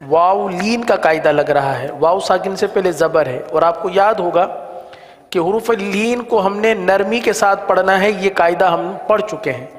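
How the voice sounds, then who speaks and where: A male teacher leading a beginner reading lesson, chanting syllables slowly in a sing-song way and explaining rules briskly between the drills. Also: high-pitched, long reverb tail.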